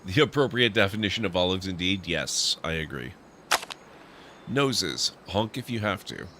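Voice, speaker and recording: Very deep-voiced male game streamer. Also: expressive, normal speed, background noise. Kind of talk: playthrough commentary, reading game text aloud.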